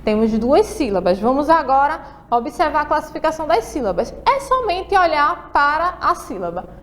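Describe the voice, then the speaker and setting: A Brazilian woman teaching a lesson to young children, spelling things out slowly and checking in often with the class. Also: sits high, sing-song. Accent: Brazilian Portuguese. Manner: slow, spelled-out letter-by-letter explanations with frequent check-ins. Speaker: primary school teacher.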